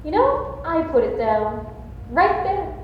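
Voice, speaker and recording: A woman's voice: high voice, sing-song, takes it slowly, heavy background noise, full character voice. A woman on a stage playing a sardonic secretary with a dry, wry delivery in a live play. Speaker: stage actor. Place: large auditorium stage. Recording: distant, dull, echoey hall sound.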